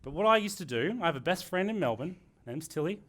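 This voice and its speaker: Animated man leading a workshop. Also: fairly high pitch, quick pace. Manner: energetic, animated, joking. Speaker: workshop presenter. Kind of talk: live workshop lesson. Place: workshop room with an audience.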